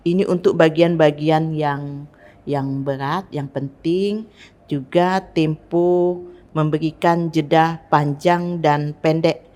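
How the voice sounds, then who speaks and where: A woman with a notably low voice gives a measured lesson on vocal technique for recitation. She talks slowly and carefully, pausing to demonstrate how the same sentence changes as a statement, a question and an emphatic line. She is from Palembang. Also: darkish tone. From Palembang, Indonesia. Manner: slow, deliberate, demonstrates intonation examples. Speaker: teacher.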